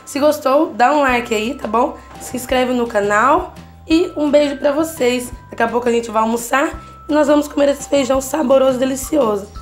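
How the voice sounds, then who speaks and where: A woman with a high-pitched voice and a Brazilian Portuguese accent speaks at a normal pace as she hosts a casual home cooking tutorial for her cooking channel. Chatting to her viewers and constantly checking in with them, she cooks in her kitchen while faint music plays.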